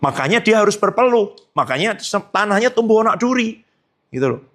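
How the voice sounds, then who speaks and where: Lively preaching man, higher voice. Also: fairly quick. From Indonesia. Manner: lively preaching with sudden high pitch jumps and acted quotes; colloquial, frequent tag phrases. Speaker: pastor. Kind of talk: sermon. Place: church service.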